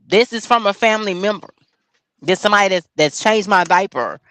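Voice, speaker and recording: A man's voice: high voice, fairly quick, fairly bright tone, no room sound. A man in his forties talking earnestly on a livestream, often asking listeners if they understand. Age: 40s. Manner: earnest, preachy, keeps asking if you understand. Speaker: livestream host. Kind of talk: casual livestream talk.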